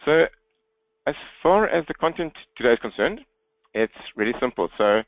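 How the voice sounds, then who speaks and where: Fast, direct and upbeat, a South African man with a South African accent and a slightly croaky throat stands at his computer presenting an interactive webinar training. His mid-range voice is very animated. The recording is dry, with the highs cut off.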